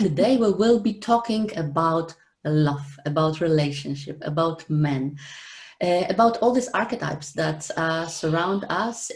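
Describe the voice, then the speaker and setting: A middle-aged woman hosting an online interview from home, speaking haltingly with many fillers. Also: lowish voice, darkish tone. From Poland. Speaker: host. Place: home room with shelves. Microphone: webcam on a video call.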